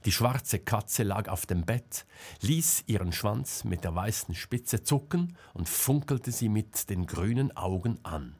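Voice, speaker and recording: Male narrator for a novel, low voice, slow measured delivery. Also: lively intonation, darkish tone, slightly rough. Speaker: audiobook narrator. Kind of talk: scripted narration.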